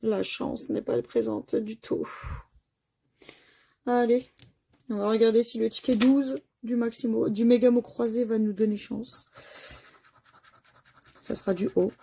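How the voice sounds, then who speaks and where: A woman's voice: fairly high pitch, steady tone, unhurried, gravelly, pauses often, dark tone, slight background noise. A French woman hosting a scratch-card channel, chatting casually as she scratches tickets and spells out letters one by one. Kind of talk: casual commentary while scratching lottery tickets.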